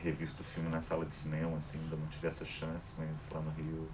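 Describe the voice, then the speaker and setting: A very low-voiced man leads a relaxed post-screening debate, wandering through his thoughts with fillers. He sounds distant from the mic, with clear background noise in the cinema hall. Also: fairly quick. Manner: rambling, thinking aloud with fillers. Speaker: festival debate moderator.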